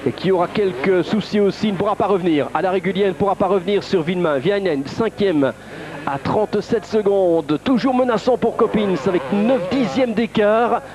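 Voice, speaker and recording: High-pitched male motorsport commentator. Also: normal speed. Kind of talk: live motorsport race commentary. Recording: dull broadcast audio over crowd and engines.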